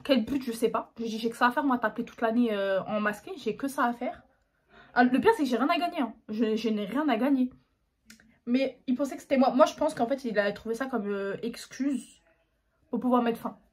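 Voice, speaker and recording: A young woman, chatting casually and dramatically while doing her makeup at home, sarcastic and quick to laugh. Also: a little high. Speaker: beauty vlogger.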